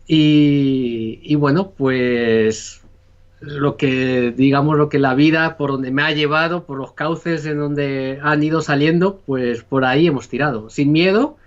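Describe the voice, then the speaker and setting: A man's voice: a little high, slow. Rambling Spanish man, muffled audio. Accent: Spanish (Spain). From Spain. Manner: rambling, many fillers and restarts. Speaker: podcast guest. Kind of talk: casual conversation.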